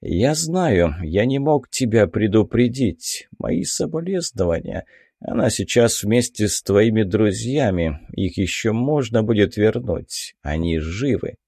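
A man reading an audiobook, voicing a weary father and teacher who speaks quietly and hushed. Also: fairly low pitch, expressive, a little slow, vocal fry, slightly rough, no room sound, clean studio sound, exaggerated voice. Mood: tender. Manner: quiet, whispering.

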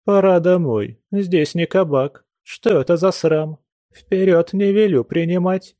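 A man's voice: a little high, lively intonation, slow, mellow, dry recording, studio quality, pitched above the performer's own voice. A man reading aloud plays an elderly woman, the mistress of the house, who speaks firmly and gives orders in a raised voice. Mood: stern. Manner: firm, commanding.

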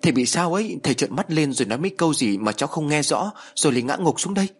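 A man's voice: medium pitch, big pitch swings, quick pace, breathy edge. A man voicing an anxious young woman who stammers and pleads.

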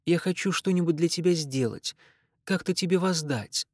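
A man reading aloud and voicing a distressed young woman who pleads and apologizes in a raised, softer voice. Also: on the high side, normal speed, no echo, clean studio sound, voice pushed up, close to an everyday voice. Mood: pleading. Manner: pleading, apologetic, softly insistent.

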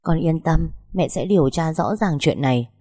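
A woman's voice: low voice, normal speed, warm tone, slightly rough, no echo, studio quality. A woman voicing a stern but caring middle-aged mother-in-law who scolds bluntly. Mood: reassuring.

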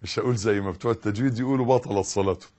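A man preaching a sermon with an Egyptian accent, repeating words and swinging between emphatic bursts and hushed tones. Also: fairly low pitch, racing. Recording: audio recording.

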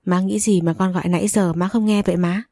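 A scheming elder daughter-in-law frets and wheedles, as a woman reads her lines. Her voice sits low and mellow. The reading is dry and close-miked. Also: fairly even intonation, fast, dry recording, close to an everyday voice. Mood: fretful.

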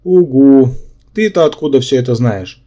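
A man's voice: mid-range voice, expressive, normal speed, dark tone, muffled recording, natural voice. A man voicing an irritable male half-demon hero who speaks dryly and sarcastically, in an audiobook. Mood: sarcastic. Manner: dry, sarcastic.

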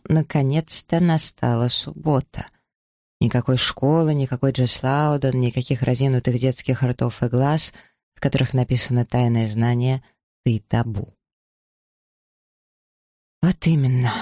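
A man reading a novel aloud in measured, even storytelling narration. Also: mid-range voice, no room sound, clean studio sound. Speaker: audiobook narrator. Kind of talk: scripted narration.

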